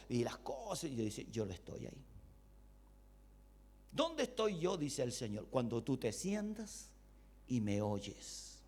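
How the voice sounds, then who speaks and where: A man pastor giving a Bible study sermon, asking the congregation questions and voicing God's replies in a lower voice. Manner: animated, rhetorical questions to the congregation.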